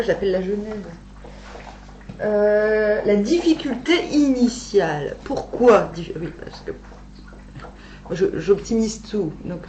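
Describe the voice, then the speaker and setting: A woman speaking with a dental retainer in, giving an informal tarot reading, thinking aloud haltingly and correcting herself. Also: medium pitch, a little mellow. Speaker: tarot reader. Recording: echoey room, dull sound, faint hum.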